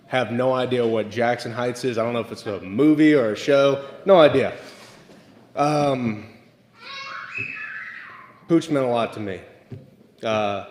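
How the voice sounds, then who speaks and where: A man giving a memorial eulogy, relaxed and a little hesitant, with many fillers as he reminisces. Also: mid-range voice. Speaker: eulogy speaker. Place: memorial service room. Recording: echoey livestreamed room.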